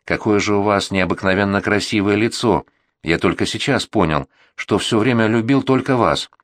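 A man's voice: lowish voice, moderate pace, dry recording, studio quality, natural voice. A man doing a lovesick, pleading eighteen-year-old. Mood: desperate. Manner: pleading, earnest, breathless insistence.

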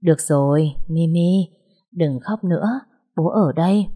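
Young father, firm but tender, quiet and insistent, read by a woman in her own low, husky voice. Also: unhurried. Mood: calm insistence. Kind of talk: audiobook dialogue.

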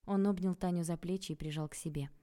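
A woman reading an audiobook aloud in a calm, even storytelling manner. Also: lowish voice, quick pace. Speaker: audiobook narrator. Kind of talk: scripted narration.

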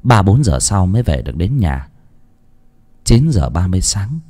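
A male audiobook narrator tells the story in a low, warm voice. His delivery is expressive and animated, and he lingers on phrases for drama. Faint music plays beneath him. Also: moderate pace.

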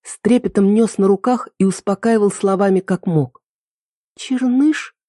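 A woman's voice: medium pitch, steady tone, normal speed, warm tone, no room sound, clean studio sound. A woman narrating a first-person story dramatically as an audiobook reader.

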